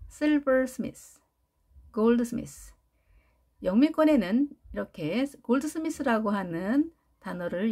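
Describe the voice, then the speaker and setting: A woman teaching English pronunciation in Korean, repeating each word slowly and stressing syllables. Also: mid-range voice, warm tone, breathy edge. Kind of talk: pronunciation lesson with drilled repetitions.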